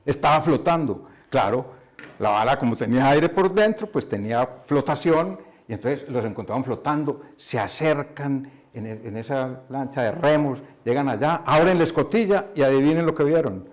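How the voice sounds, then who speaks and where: Male book club speaker, casual storytelling, average pitch. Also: animated, moderate pace. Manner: storytelling, laughs often, repeats himself. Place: coworking room with a small group.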